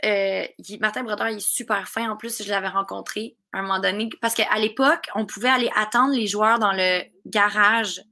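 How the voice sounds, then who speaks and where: A woman's voice: mid-range voice, steady tone, moderate pace, few pauses, pushed and bright. A woman with a Québécois accent, a dubbing actress chatting casually as a guest and laughing often. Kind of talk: casual interview chat.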